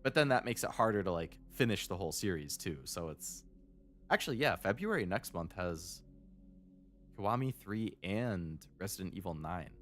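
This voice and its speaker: Male streamer, lowish voice, rambling chat, faint game music behind. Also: expressive, normal speed, fairly bright tone. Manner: rambling, chatty, laughs often.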